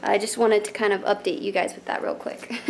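Chatty young woman vlogging with a gravelly edge. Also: mid-range voice, level tone, moderate pace, a little mellow, a little hiss or hum. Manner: chatty, giggly, filler-heavy. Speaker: vlogger host. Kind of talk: casual vlog. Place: indoors at home, later a pet store. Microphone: handheld camera at arm's length.

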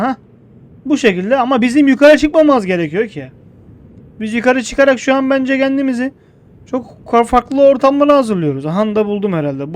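A young man commentating a game playthrough, excitable and jokey, often yelling at the game. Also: high-pitched, a little hiss or hum. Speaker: gameplay streamer. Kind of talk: gameplay commentary.

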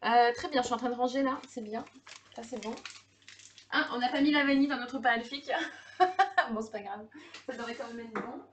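A woman's voice: fairly high pitch, fairly quick, long pauses, a little hiss or hum. A woman in her thirties hosting a live cooking stream, chatting casually with viewers, laughing often and full of fillers and restarts. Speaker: livestream host cooking.

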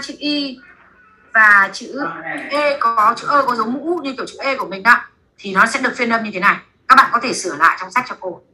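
Female teacher with a Vietnamese accent, bright, slightly high voice, drilling French words slowly for a class. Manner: repeats words slowly for students to echo.

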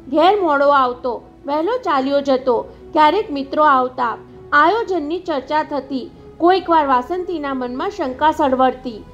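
A woman narrates a literary novel in a calm, measured reading voice. Her pitch sits high. The audio is a little dull and lo-fi, with faint music playing underneath.

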